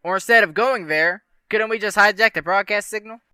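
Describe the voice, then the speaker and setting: A man's voice: high voice, brisk, bright, forceful tone, smooth, no room sound. A man playing a reckless, reluctant young male rebel with an offhand, joking way of talking. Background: music.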